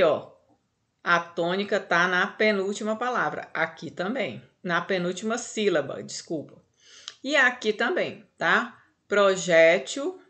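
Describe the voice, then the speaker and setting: A woman's voice: mid-range voice, bright, forceful tone. A Brazilian woman teaching a grammar lesson, patient and explaining step by step, checking in often with her students.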